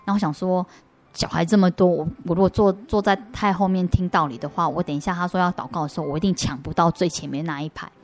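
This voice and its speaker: A young adult woman, an interview guest giving an earnest personal faith testimony, halting and restarting her sentences often. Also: fairly low pitch, fairly even intonation, faint music behind.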